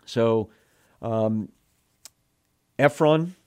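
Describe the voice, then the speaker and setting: A man's voice: mid-range voice, extremely slow, darkish tone, clear, resonant tone. A man teaching from the Bible, reading scripture and retelling it in earnest, emotional storytelling.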